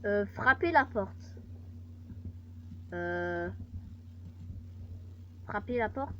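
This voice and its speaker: A woman hosting a gaming video, commenting casually and reading game text slowly with hesitant fillers, in a muffled lo-fi recording. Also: medium pitch, expressive, a little hiss or hum.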